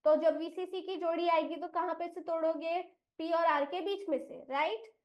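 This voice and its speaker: A woman from India trains teachers in English reading, spelling words out slowly and mixing Hindi with English phrases. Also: very high-pitched, steady tone, muffled recording. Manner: slow, deliberate spelling out of letters and syllables.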